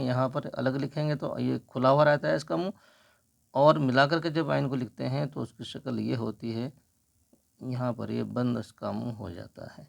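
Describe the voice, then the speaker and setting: Patiently and without hurry, a man with a creaky, mid-range voice teaches Urdu script, describing each stroke while he draws it.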